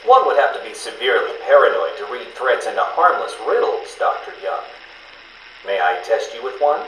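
A man's voice: mid-range voice, sing-song, moderate pace, a bit bright. An actor playing a smug, arrogant male riddle-obsessed villain, heard played back from a cassette interview tape, with a condescending, mocking, theatrical manner. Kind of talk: video game voice acting. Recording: roomy, faintly hissy tape recording.

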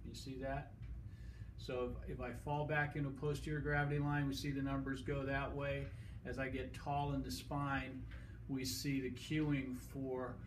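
A man's voice: medium pitch, level tone, moderate pace. A middle-aged man with a mid-range voice explains a demonstration lesson in his clinic room. He talks the camera operator through each step. He is picked up by a camera mic a few feet away, with a faint background hum.

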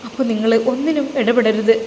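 A woman's voice: a little high, fairly quick, dark tone, echoey room, in a large hall, a little hiss or hum, close to an everyday voice, low-quality recording. Woman doing a frightened young wife, pleading. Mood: pleading fearful. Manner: tearful, pleading, fearful.

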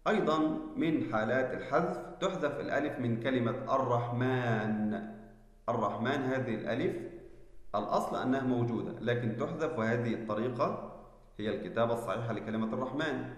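A male teacher giving a spelling lesson, explaining slowly and deliberately and checking that students follow. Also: medium pitch, animated. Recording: echoey room with long reverb.

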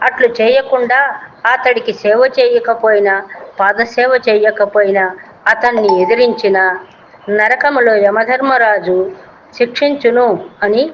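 A woman recites classical verses in a slow sing-song chant and then explains their meaning in plain speech. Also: a little high. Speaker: poetry explainer. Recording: dull lo-fi audio with faint noise.

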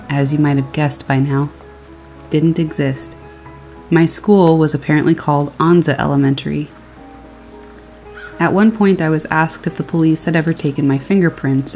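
A horror story narrator calmly reading a first-person scary story aloud, with steady storytelling delivery. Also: mid-range voice, rough recording. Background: rain sounds and faint music.

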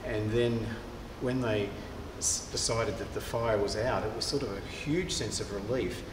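A man, a cathedral's director of music, answering interview questions thoughtfully with many pauses and restarts. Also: lowish voice. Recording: echoey cathedral with long reverb and clear background noise.

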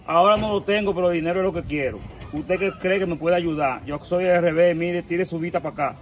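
In an outdoor street interview, a Dominican man in his forties speaks in a high-pitched, brisk voice, pleading and emphatic and gesturing as he talks. A handheld camera close by records him, with a faint hiss or hum in the audio.

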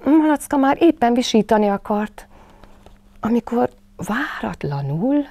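A woman narrating a children's storybook slowly, dropping to a soft hush. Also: a little high, very animated, no echo. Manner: slow, hushed, soothing narration.

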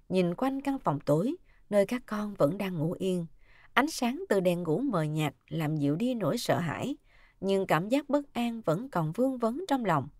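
A woman narrating a dramatic story in an expressive, scripted reading. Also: medium pitch, no room sound, clean studio sound.

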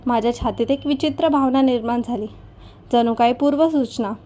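High, mellow woman narrating a story. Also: a little fast, highs cut off.

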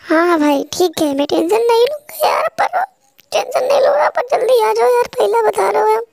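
A man voicing a panicky, whiny teammate who keeps begging to be rescued, in a shrill pleading tone. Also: lively intonation, moderate pace, vocal fry, darkish tone, heavily acted. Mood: anxious.

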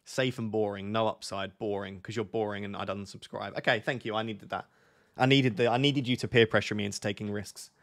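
With a fairly low, steady voice, a man in his thirties streams fantasy football from a desk in his indoor home studio. His throat is sore and his voice is going, so he speaks more quietly and slowly, thinking aloud as he reads viewers' questions.

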